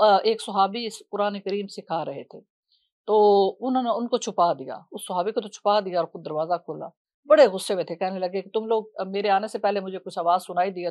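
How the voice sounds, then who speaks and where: A woman's voice: mid-range voice, a little mellow, no room sound. Woman, reverent storyteller, unscripted, hesitant fillers, dry dull recording. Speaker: religious storyteller.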